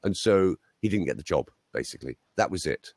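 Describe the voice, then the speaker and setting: A man's voice: deep voice, fairly quick, slightly rough, dry recording. A man, a voice coach, telling anecdotes in a casual interview chat over a video call. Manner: lively anecdotal storytelling.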